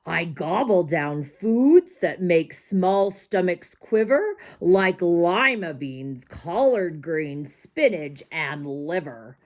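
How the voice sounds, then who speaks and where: A woman voicing a male green vegetable monster who growls his words slowly and deliberately in a storybook reading. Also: on the low side, big pitch swings, darkish tone. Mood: growling.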